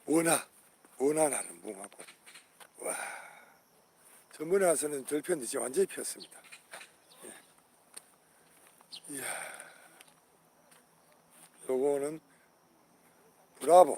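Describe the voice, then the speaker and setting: Older man with a gravelly voice outdoors. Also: medium pitch, animated, a little slow, pauses often, darkish tone, a little hiss or hum. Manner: exclaims over each flower, repeating names; hearty patriotic appeals to viewers. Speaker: channel host. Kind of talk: outdoor walking vlog. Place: outdoor park garden.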